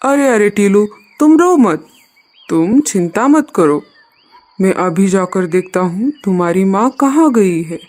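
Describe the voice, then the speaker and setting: A man voices a kind male crow in a cartoon, a helpful uncle figure to the chick, sounding concerned, urgent, and caring. His voice is high-pitched and expressive yet unhurried, with a darkish tone.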